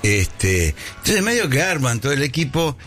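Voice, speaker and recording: A man's voice: medium pitch, very animated, normal speed, a bit bright, faint music behind. A man with an Argentine accent hosting a casual sports radio chat, telling stories and acting out the dialogue. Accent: Argentine Spanish. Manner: storytelling, acts out dialogue in quotes. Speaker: radio host.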